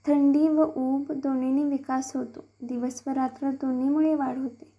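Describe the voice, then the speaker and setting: A woman reading a classic novel aloud in a measured, even storytelling manner. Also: sits high. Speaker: reader.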